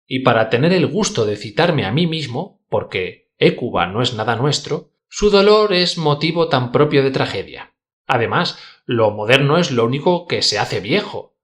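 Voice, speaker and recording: Expressive male literary narrator. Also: mid-range voice. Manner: measured, declamatory delivery with formal diction. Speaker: audiobook narrator. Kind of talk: literary reading of a philosophical dialogue.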